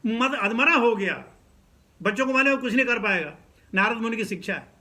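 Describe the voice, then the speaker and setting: Guy preaching scripture, bright voice, lively storytelling, chuckles a lot. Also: very high-pitched, normal speed. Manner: animated, chuckling, mixes in English words. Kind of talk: sermon storytelling.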